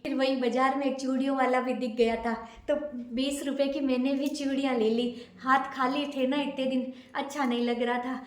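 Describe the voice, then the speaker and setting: A woman doing a poor, gentle housemaid who speaks with quiet deference. Her voice sits fairly high for a woman, and it rings around a bare room with a noticeable echo. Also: natural voice. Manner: deferential, addresses employer politely. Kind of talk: home-made short drama acting. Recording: echoey room.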